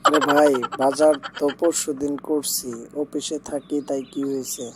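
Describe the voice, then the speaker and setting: A man's voice: on the high side, flat delivery, normal speed, lightly acted. A man with a Bangladeshi accent playing an exasperated, placating husband bickering in an amateur domestic skit. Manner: bickering as a couple, protesting and pleading. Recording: loud background noise.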